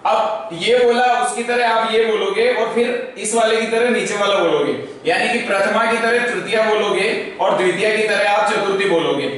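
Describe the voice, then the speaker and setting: A male school teacher giving a classroom lecture, chanting grammar forms in a slow sing-song tune and checking in often with "okay?". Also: high voice, fairly bright tone. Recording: very echoey, far from the mic, faint noise.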